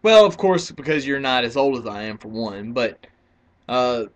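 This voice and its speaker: A man's voice: medium pitch, expressive, normal speed. A man in his twenties ranting casually to camera as a wrestling vlogger, argumentative and rambling with frequent restarts. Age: 20s.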